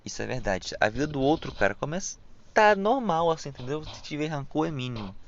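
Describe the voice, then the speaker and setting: Gravelly young Brazilian man rambling. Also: on the high side, expressive, brisk, no echo. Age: young adult. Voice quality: hissing s sounds pronounced as sh. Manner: rambling and reflective, with frequent slang and fillers. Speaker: podcast host. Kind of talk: casual solo podcast monologue. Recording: dull lo-fi dry recording.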